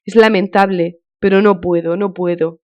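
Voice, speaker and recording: A woman reading an audiobook, voicing a grieving, humiliated middle-aged official in a weary, halting, thin voice, on a dull lo-fi recording. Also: on the low side, steady tone, darkish tone, close to an everyday voice. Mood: despairing. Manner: weary, broken, halting complaint.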